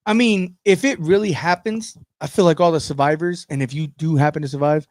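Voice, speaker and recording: A man co-hosting a podcast in casual chat, crude and joking, often bursting into loud laughter. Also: on the high side, brisk, no room sound. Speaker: podcast co-host.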